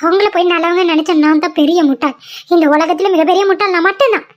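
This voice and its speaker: A woman doing a shrill tearful young wife. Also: fairly even intonation, fast talker. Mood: indignant. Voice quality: very high, tearful pleading. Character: young pregnant wife, emotional and remorseful. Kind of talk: cartoon voice acting. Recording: dull lo-fi sound.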